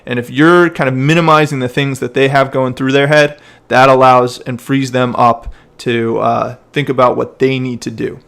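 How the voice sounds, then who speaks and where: A man's voice: mid-range voice, little pitch movement, moderate pace, creaky, hardly any pauses, fairly bright tone. Man coaching coxing technique. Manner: encouraging, explanatory, with repeated restarts. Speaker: rowing coach. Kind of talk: coaching feedback.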